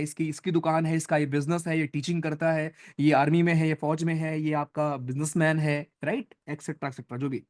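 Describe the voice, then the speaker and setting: A young man teaching a live online class, chatty and teasing, mixing English terms into his talk. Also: sits high. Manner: chatty, teasing, addresses students as brothers and friends; mixes Hindi with English terms. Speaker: online exam-prep teacher.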